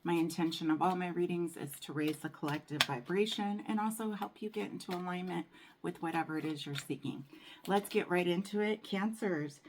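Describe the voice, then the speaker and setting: A woman's voice: on the low side, steady tone, a little fast, heavy background noise. A woman doing a casual, chatty tarot reading for viewers, calling them darling and reading aloud from a card book. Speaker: tarot reader.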